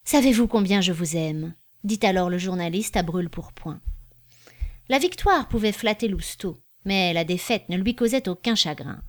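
A woman reads a classic novel aloud as an audiobook narrator. Her delivery is measured and even. Her voice sits in a middle pitch for a woman. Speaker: audiobook reader.

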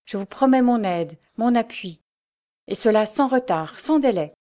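A woman voicing a gentle, troubled middle-aged countess in an audiobook, with a soft, hushed, measured delivery. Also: on the high side, expressive, pitched above the performer's own voice. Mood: reassuring. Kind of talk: audiobook character reading.

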